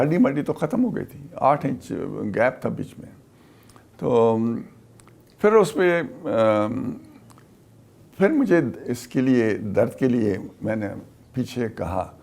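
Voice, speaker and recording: Older man, retired officer, gravelly mid-pitched voice, slow halting storytelling in an interview. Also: a little mellow. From Pakistan. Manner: halting, deliberate storytelling with many pauses. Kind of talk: recounting a wartime memory in an interview.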